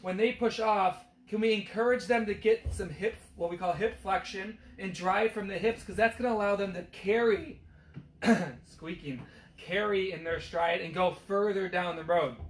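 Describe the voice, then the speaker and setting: A man's voice: sits high, normal speed. A man in his thirties, a physical therapist who is losing his voice, explaining running form in a casual talk with many fillers while standing on a treadmill. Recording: echoey room with faint background noise.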